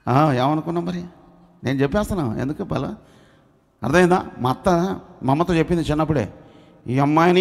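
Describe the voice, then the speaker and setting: High-voiced pastor in a reverberant hall. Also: male voice. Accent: Telugu, coastal Andhra. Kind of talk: revival sermon.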